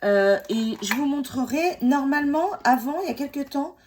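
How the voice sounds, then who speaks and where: A beauty vlogger in her forties with a cold speaks expressively at normal speed in a high-sitting voice over a noisy background. While doing her makeup at home, she chats casually in a tutorial, self-deprecating and prone to fillers and restarts.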